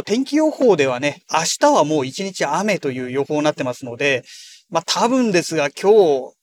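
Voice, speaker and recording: A man hosting a daily audio log from inside a car, talking in a polite, chatty way with many soft fillers. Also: a little high. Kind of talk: casual solo talk.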